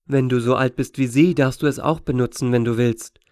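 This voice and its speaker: A calm, dry-witted man from a storybook, as the narrator reads him, speaking quietly and matter-of-factly. The voice stays at a middling pitch, steady and patient, in a close and dry sound. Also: a little fast, dry recording, lightly acted.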